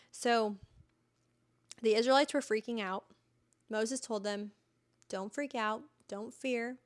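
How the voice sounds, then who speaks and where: A young adult woman hosting a podcast, retelling Bible stories in a chatty, enthusiastic, everyday way. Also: medium pitch. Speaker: podcast host. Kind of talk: casual Bible teaching podcast.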